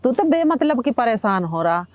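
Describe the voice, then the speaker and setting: An older woman with a Haryanvi accent playing a sharp-tongued, proud village mother who scolds and dismisses others. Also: a little high, very animated, moderate pace, no echo, muffled recording. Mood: defensive. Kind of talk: Haryanvi film acting.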